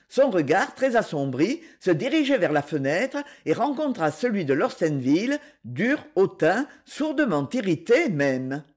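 A woman reading a classic romance novel aloud, measured and expressive. Her pitch moves freely through each sentence, carrying the storytelling with care. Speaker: audiobook narrator. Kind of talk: scripted novel narration.

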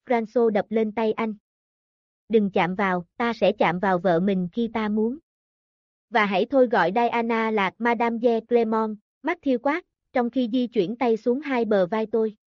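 A woman reading a novel aloud as an audiobook narrator, in steady scripted narration. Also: a little high, dry recording. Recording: dull, dry lo-fi audio.

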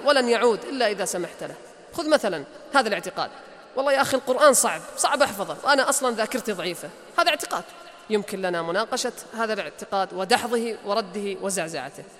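Fast, high-voiced coach. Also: male voice, a bit bright, long reverb tail. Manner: emphatic, repeats key lines for effect. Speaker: motivational coach. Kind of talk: motivational lecture.

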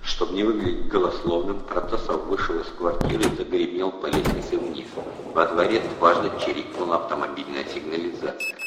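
A man reading a novel aloud as narrator in steady storytelling. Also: deep voice, a little fast, roomy sound, big-room sound, background noise. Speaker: audiobook narrator. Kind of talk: scripted narration.

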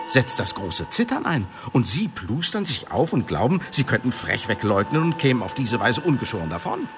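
In a German radio drama, a male actor voices a cold, sardonic interrogator from the Elizabethan secret service. His fairly high voice sounds pedantic, condescending and formal, with a sardonic, accusing mood.

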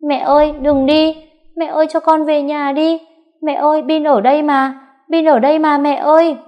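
A woman's voice: mid-range voice, normal speed, dark tone, pitched above the performer's own voice, close to an everyday voice. A woman voicing a small boy who cries and begs for his mother in a spoken story. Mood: wailing. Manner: pleading, wailing.

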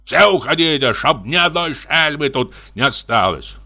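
A man's voice: on the high side, animated, normal speed, voice pushed up, full character voice. Man doing a rowdy drunken masked brute. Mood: jeering swagger. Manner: boisterous, mocking, laughs loudly. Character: drunken swaggering masked man, rude and jeering.

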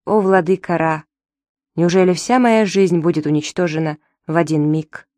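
A woman's voice: on the low side, steady tone, normal speed, dark tone, dry recording, close to an everyday voice. A woman reading the part of an aging, guilt-ridden servant woman who speaks in a mournful, fatalistic way. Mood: despairing.

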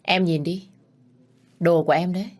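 A cold, cruel young man of money speaks in low, quiet threats, put on by a woman narrating a storybook. The voice sits deep and steady, with no warmth in it. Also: moderate pace, natural voice.

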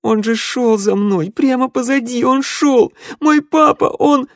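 A man's voice: sing-song, measured pace, a little mellow, breathy edge, dry recording, studio quality, heavily acted. A man voicing a distraught, tearful young woman who screams and sobs in an audiobook. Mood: anguished shouting. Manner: sobbing, shrill, screaming.

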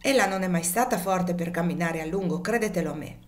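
A woman voicing a cunning young male servant in a storybook reading, mock-humble and gleeful, raising her voice high for him. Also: fairly quick, natural voice. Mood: pleading.

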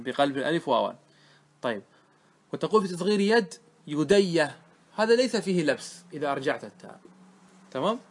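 A man teaching a grammar lesson, reciting lines of verse slowly and then explaining them, often asking his students questions. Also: a little high. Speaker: sheikh teaching Arabic grammar. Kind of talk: classroom lesson on a grammar poem.

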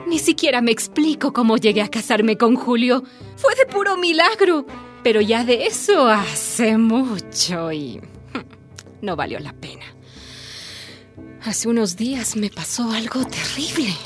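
Radio drama lead: a lonely middle-aged housewife drifting into drink, confessional and weepy, slow delivery, high-ish woman's voice. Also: big pitch swings, soft background music. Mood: weary. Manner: confessional, tearful, self-pitying. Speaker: housewife protagonist narrating her life. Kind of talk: radio drama monologue and dialogue.

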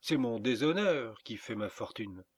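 Une jeune courtisane parisienne, hautaine et railleuse, qu'un lecteur incarne d'une voix un peu plus haute. Elle parle lentement, avec un dédain amusé, dans une prise de son très sèche et proche. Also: male voice, medium pitch, animated, a little slow, breathy edge, no echo. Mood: mocking. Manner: mocking, disdainful. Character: haughty young Parisian courtesan, mocking woman.

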